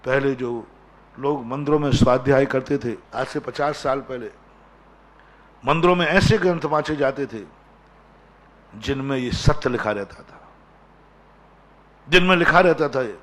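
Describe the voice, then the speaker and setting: A man's voice: medium pitch, a little slow, long pauses, a bit bright. A man, a Jain monk, preaching a sermon, firing rhetorical questions and repeating key words for emphasis.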